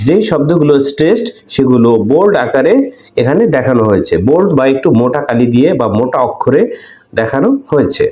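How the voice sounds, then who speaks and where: Man teaching slowly in an echoey room. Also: medium pitch, expressive, mellow, muffled recording. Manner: explains in Bengali, reading English sentences slowly with deliberate stress; hesitant fillers between phrases. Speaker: English teacher. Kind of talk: recorded classroom-style lesson explaining a textbook.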